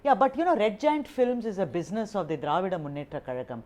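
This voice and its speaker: A woman's voice: medium pitch, animated, quick pace, darkish tone. Woman anchoring a news discussion. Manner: conversational, emphatic, interjecting.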